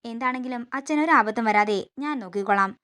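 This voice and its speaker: Woman reading as a devout young woman in a cell, steadfast, earnest, slightly high voice. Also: fairly quick, sharp tone. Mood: resolute.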